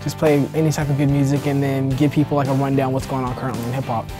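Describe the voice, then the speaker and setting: Young man, radio DJ, relaxed easygoing talk, guitar music playing clearly behind. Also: medium pitch, fast. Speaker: college radio DJ. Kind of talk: casual promo talk. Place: radio studio. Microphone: studio microphone with headphones.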